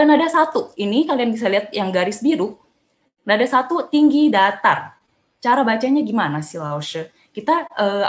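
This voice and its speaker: A woman's voice: medium pitch, echoey room. A young woman teaching a beginner Mandarin lesson online, chatty and cheerful, sounding out tones aloud.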